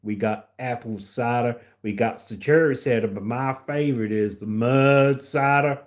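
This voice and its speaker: A man voicing a backwoods old mountain man in a slow, twangy drawl. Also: mid-range voice, voice pushed down, natural voice. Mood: proud.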